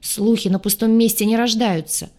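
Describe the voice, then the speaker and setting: A woman reading an audiobook, voicing an excitable, dramatic young alien woman who whines and sobs. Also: on the high side, moderate pace, pitched above the performer's own voice, close to an everyday voice. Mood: anxious. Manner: whiny, sobbing. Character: excitable red-haired alien girl, tearful and dramatic.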